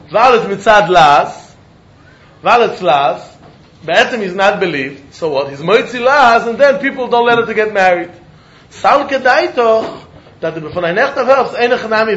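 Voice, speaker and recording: A man with a Yiddish accent teaches Talmud in a notably high-pitched voice. He argues through questions and answers, circling back over phrases to press each point. The recording is dull and muffled, with clear room echo. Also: a bit bright. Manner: argumentative question-and-answer, repeating phrases for emphasis. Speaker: religious teacher giving a Talmud lesson. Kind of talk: Talmud lecture mixing English with Yiddish and Hebrew.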